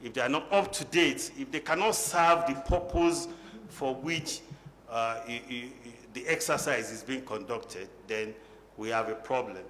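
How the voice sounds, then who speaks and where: A man moderating a conference panel, speaking haltingly and often repeating words. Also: mid-range voice, fairly bright tone. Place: conference hall. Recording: echoey conference hall, faint noise.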